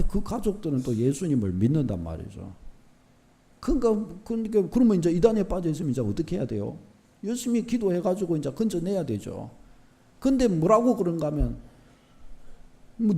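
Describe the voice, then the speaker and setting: Male pastor, high lively voice, dramatic sermon delivery swinging from quiet to loud. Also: creaky. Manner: animated, shifts from soft to loud, acts out short dialogues. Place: church sanctuary.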